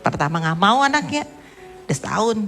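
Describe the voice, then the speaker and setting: A woman's voice: medium pitch, sing-song, a little fast, fairly bright tone, slight background noise. A middle-aged woman pastor preaching a sermon, telling a story and acting out the voices she quotes, with emphatic rising questions.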